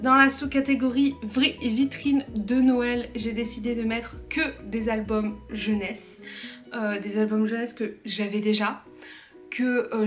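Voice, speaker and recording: A young woman chatting casually to camera about books, with many fillers and restarts. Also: on the high side. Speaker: book vlogger. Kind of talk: casual book chat to camera.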